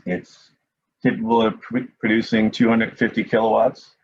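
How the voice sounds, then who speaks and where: A man's voice: lowish voice, level tone, slightly rough, highs cut off. Man on a call, audio breaking up. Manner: halting, technical explanation with frequent fillers. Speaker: engineer giving a facility tour. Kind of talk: technical walkthrough over a call.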